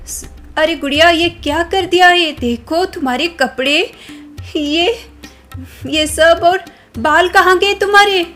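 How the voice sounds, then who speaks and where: A woman's voice: on the high side, a little slow, fairly bright tone, faint music behind. A woman voicing an anxious young sister-in-law who frets in alarmed exclamations. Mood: shocked.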